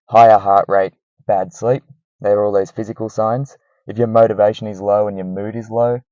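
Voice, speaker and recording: A man's voice: fairly low pitch, warm tone, no room sound. A man giving casual coaching advice to listeners, informal and thinking aloud, recorded on a cheap microphone. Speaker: running coach hosting a talk. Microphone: cheap microphone, close and dry. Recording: dull, lo-fi cheap microphone sound.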